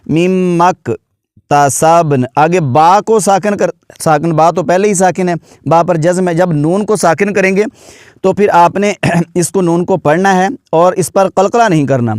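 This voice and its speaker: A man teaching Quran recitation, his voice fairly high and resonant. He explains each rule patiently, then chants the verses slowly with long drawn-out vowels. The sound is dry and close. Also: a little mellow, dry recording. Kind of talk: tajweed lesson with chanted recitation.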